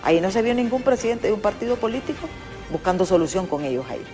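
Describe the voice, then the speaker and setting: A woman's voice: mid-range voice, lively intonation, fast talker. An older woman with a Honduran Spanish accent hosts a political interview program. She talks in an emphatic, opinionated way and turns to address the viewers directly, and faint music plays under her voice. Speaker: host. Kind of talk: political talk show interview.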